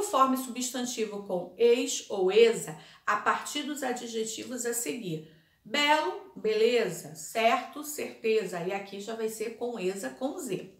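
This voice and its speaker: Echoey woman teacher, high voice. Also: sharp tone. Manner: explains slowly, repeats words, asks and answers herself. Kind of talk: recorded school lesson. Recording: echoey room.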